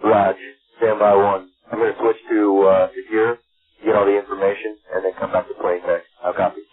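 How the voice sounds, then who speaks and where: A man speaking as an aircraft radio operator over a walkie talkie, in procedural, slightly halting military radio exchanges. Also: lowish voice, flat delivery, breathy edge. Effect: two-way radio, walkie talkie. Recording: tinny phone-like radio transmission.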